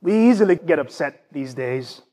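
A Jamaican-accented pastor preaches in a fairly high, expressive voice with a dark tone at a moderate pace. He asks his congregation rhetorical questions and builds his points through a list of ideas.

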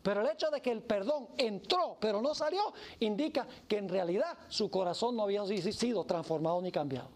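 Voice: mid-range voice, animated, fairly quick, few pauses, darkish tone. A preacher giving an emphatic sermon who acts out the voices of the story.

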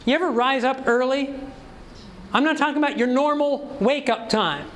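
A man's voice: extremely high pitch, moderate pace, fairly bright tone, slight background noise, poor audio. A man preaching a sermon, reading scripture aloud and pressing the congregation with rhetorical questions.

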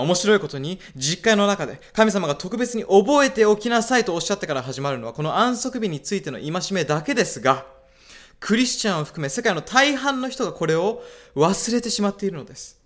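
A man with a fairly high voice delivers a dubbed sermon. He speaks in a measured, emphatic way and keeps asking his listeners questions before answering them. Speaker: preacher.

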